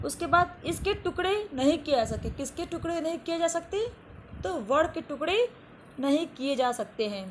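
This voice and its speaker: Casting: woman teacher, high voice, patient and repetitive, faint hiss behind. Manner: repeats each definition slowly, asks and answers own questions. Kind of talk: classroom lesson to children.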